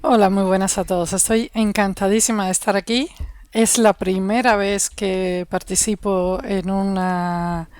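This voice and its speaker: A woman's voice: medium pitch, steady tone, measured pace, a little mellow, no room sound. Chatty woman, dry sound. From Cuba. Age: middle-aged. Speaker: guest expert. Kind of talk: casual interview chat.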